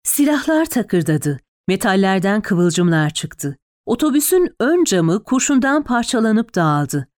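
A woman's voice: medium pitch, very animated, slow, few pauses, darkish tone, dry recording. Lady reading a thriller audiobook, tense and dramatic, voice swings a lot, dead dry room.

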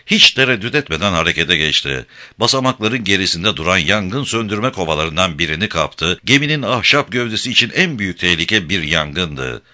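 A man narrating an adventure audiobook in a measured, expressive reading. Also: deep voice.

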